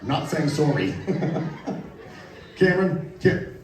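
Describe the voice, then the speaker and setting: A man emceeing a live comedy show, bantering loudly with mock outrage and teasing his partner. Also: fairly high pitch, lively intonation, slow pace. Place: live outdoor show venue with audience. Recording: distant, echoey, with crowd noise.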